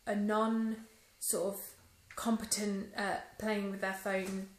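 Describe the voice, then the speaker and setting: A woman's voice: medium pitch, flat delivery, slow pace, slight background noise. A woman records a casual vlog on a phone held at arm's length, chatting through her review with plenty of ums and small restarts. Her voice sits in a middle range, and the room around her is noticeably echoey. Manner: chatty, many ums, mildly disappointed.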